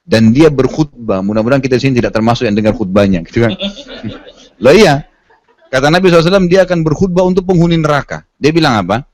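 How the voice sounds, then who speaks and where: A man's voice: medium pitch, lively intonation, fast, darkish tone, dry recording. A man giving a religious lecture, telling stories and acting out the quoted lines in a casual, colloquial way. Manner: storytelling with acted quotes, casual colloquial asides. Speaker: preacher.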